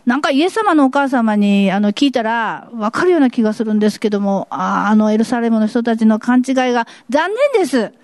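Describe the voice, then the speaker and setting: Polite high-voiced woman interviewer. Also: a little fast, few pauses, dry recording. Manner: bright, polite interviewer, explaining. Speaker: skit reporter and Bible teacher. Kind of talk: mock street interview.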